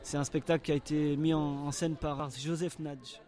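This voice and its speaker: Male circus performer, slightly high voice, halting interview answers. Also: little pitch movement. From Portugal. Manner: halting, searching for words.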